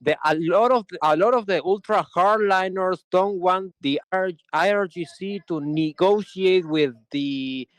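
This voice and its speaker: A man calling into a live discussion over a remote call whose audio cuts in and out, speaking in halting phrases with false starts. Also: sits high, smooth, dry recording. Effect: remote call audio cutting in and out. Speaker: call-in participant on a live stream. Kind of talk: casual discussion.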